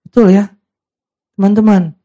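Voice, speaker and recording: A man's voice: high voice, flat delivery, measured pace, dark tone, highs cut off. A young man preaching a casual youth sermon, teasing the congregation and acting out quoted lines.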